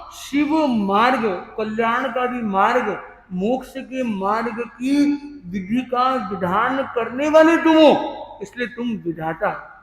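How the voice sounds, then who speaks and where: A man teaching a hymn workshop, explaining the meaning and pronunciation word by word and chanting the verses slowly. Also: very high voice. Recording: echoey hall with long reverb.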